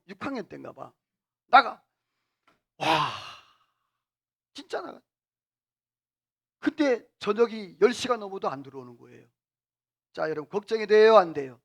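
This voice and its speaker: A middle-aged senior pastor preaches in a church sanctuary, asking the congregation questions and having them repeat phrases after him. His male voice is extremely high-pitched, a bit bright, with vocal fry.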